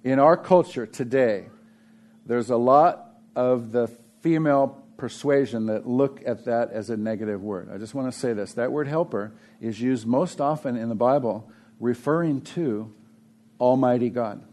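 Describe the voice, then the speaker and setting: A man's voice: mid-range voice, moderate pace, a little mellow. A man preaching a sermon as pastor, telling stories in a chatty, joking way with lots of fillers.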